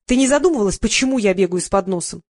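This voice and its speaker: A weary mother in her mid-forties speaks in tired, measured tones, voiced by a woman narrator. She is guarded and secretive, a storybook figure. The sound is close and dry. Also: medium pitch, animated, a little mellow, dry recording. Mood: confessing.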